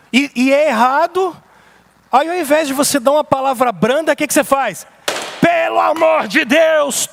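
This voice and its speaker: A Brazilian-accented male pastor preaches with a very high voice for a man. He drives his points home with emphasis and one rhetorical question after another. It sounds like a sermon given in a church sanctuary. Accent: Brazilian Portuguese.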